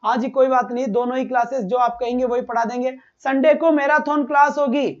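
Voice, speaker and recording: A man teaches a live online exam-prep class, firing quick questions at his students, repeating each point and calling them "beta". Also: extremely high pitch, steady tone, lo-fi sound.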